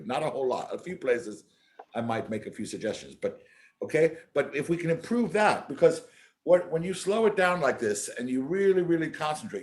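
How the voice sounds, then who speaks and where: A man teaching a violin masterclass, earnest and emphatic, often repeating his key words. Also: mid-range voice. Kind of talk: masterclass coaching. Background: faint violin playing.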